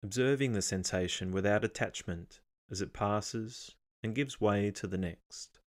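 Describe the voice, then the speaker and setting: Gentle step-by-step instructions come from a man leading a guided meditation. His voice is fairly low, his delivery calm and measured, and he leaves pauses between phrases.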